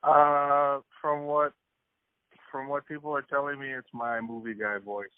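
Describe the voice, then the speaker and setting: A man's voice: medium pitch, little pitch movement, measured pace, clear, resonant tone, no echo. Playful young man on a phone line. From Hawaii. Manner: playful, laughs often, slips into voices. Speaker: guest, comedic content creator. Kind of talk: casual phone interview. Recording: dry tinny phone line.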